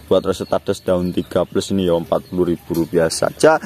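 Low-pitched man pitching plants for sale. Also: little pitch movement, a little fast, a little mellow, a little hiss or hum. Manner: repetitive patter, restating names and prices. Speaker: plant seller presenting stock for sale. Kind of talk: casual live-style sales pitch.

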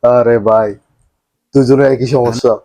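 A man's voice: mid-range voice, flat delivery, measured pace, background noise. A man hosting a reaction video, chatting casually, exclaiming and echoing lines from the clips. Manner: exclaims and echoes lines from the clip.

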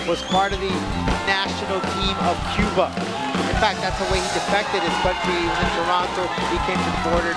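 A man doing live sports commentary as a fight commentator, emphatic and repeating phrases to build things up. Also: sits high. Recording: loud crowd and music behind. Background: loud crowd and music.

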